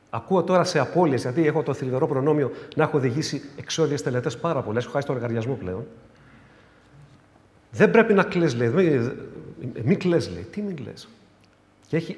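An older man preaching a sermon with emphasis, swinging between loud urging and quiet, intimate asides. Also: mid-range voice, echoey room, big-room sound.

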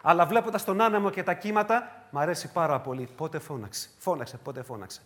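A man preaching a sermon, swinging between loud cries and hushed low phrases, with repeated emphatic questions. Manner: repetitive, emphatic rhetorical questions.

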